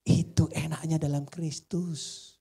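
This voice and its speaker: A male pastor with a Batak-tinged Indonesian accent preaching a sermon to a congregation, joking and swinging between loud emphasis and quiet asides. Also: fairly high pitch, little pitch movement, slow pace, gravelly, husky. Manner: often addresses the congregation as "saudara". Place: church before a congregation.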